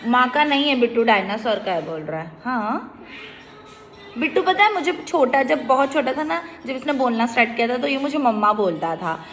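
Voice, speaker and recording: A young woman, a mother, chatting casually in a home vlog and coaxing her toddler in a soft sing-song way. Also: high-pitched. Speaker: mother and vlogger. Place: at home indoors.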